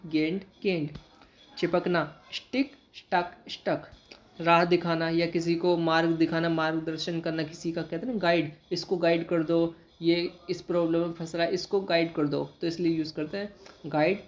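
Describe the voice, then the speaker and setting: A woman teaches English vocabulary in a slightly low voice. She drills each verb form in a steady, patient rhythm, repeating words one after another. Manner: steady, patient, repetitive drilling of word forms. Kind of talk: vocabulary lesson, reading verb lists.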